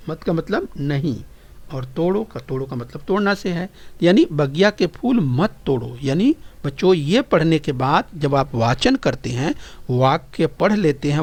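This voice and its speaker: A male primary school teacher with a somewhat high voice, coaxing young pupils through a recorded lesson. He speaks patiently, spells out each phrase slowly, and keeps urging the children to listen and repeat. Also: dry recording. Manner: addresses the children constantly, coaxing and encouraging.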